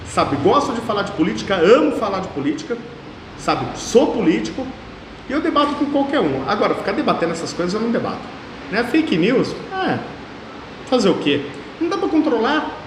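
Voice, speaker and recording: A high-voiced man in his thirties with a São Paulo state Portuguese accent, making his case in an interview. He talks emphatically and hammers points home by repeating them. The room rings with a long, echoey reverb and a faint hum underneath. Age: 30s. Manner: emphatic, repeats phrases for force. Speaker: mayoral candidate. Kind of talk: political interview.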